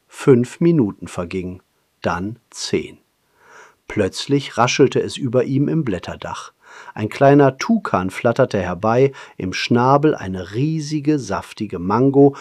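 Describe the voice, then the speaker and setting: A man narrating a children's story in a slow, expressive way. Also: medium pitch, dry recording, studio quality. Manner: slow, lively, expressive telling.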